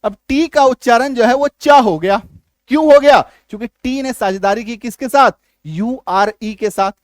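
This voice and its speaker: A man with a high voice and a Hindi accent teaches English spelling. He explains patiently, goes over each point again and keeps checking that his listeners follow. The sound is close and dry, with almost no room around it. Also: moderate pace, no room sound. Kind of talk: spelling lesson.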